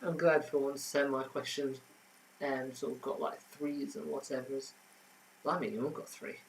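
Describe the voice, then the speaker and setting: A man's voice: mid-range voice, flat delivery, normal speed, creaky, rough recording. Casual guy reading quiz answers at home, fillers everywhere, slight background hiss. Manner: chatty, reads answers then adds trivia with many fillers. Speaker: quiz host.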